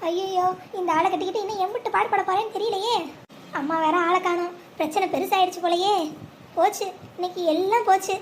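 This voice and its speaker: A woman voicing a fretful, sharp-tongued young married woman in a cartoon, muttering anxious asides. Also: very high-pitched, fairly even intonation, fairly quick, a little hiss or hum. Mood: panicked. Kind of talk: animated cartoon voice acting.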